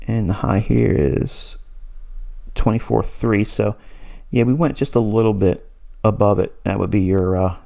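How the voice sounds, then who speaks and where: A man's voice: fairly low pitch, fairly even intonation, a little slow, gravelly, mellow. Blunt lecturing man in his forties. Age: 40s. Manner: blunt, insistent, lecturing with repetition and short laughs. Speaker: trading mentor. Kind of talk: recorded mentorship lesson on trading charts.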